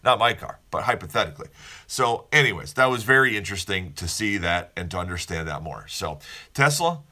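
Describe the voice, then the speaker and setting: Bright-voiced man hosting a morning show. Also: low-pitched, lively intonation, fairly quick. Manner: rambling and upbeat, with many restarts and fillers. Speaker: host of a daily morning show. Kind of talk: casual morning-show chat.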